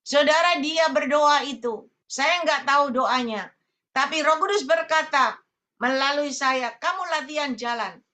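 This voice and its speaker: Bright-voiced woman preaching emphatic swings. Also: measured pace. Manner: animated, swings between loud emphasis and dropped low asides; addresses listeners as brothers and sisters often. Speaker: evangelist preacher. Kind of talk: sermon over a video call.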